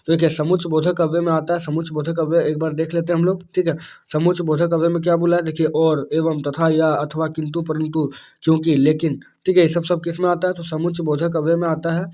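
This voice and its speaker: A man with a fairly high voice teaches an exam-prep grammar lesson. He explains patiently, repeats key terms and keeps checking that the listener is following. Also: flat delivery, fairly quick, mellow.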